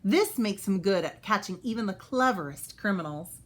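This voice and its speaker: Reading a picture book to children, a storytelling woman uses a mid-range voice full of expression, pausing to clarify points for her young audience.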